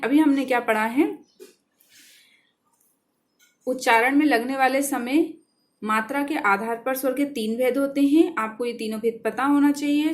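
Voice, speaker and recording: A woman teaching a Hindi grammar lesson, who repeats key points, asks the class questions and answers them herself, and slows down on the terms that matter. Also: a little high.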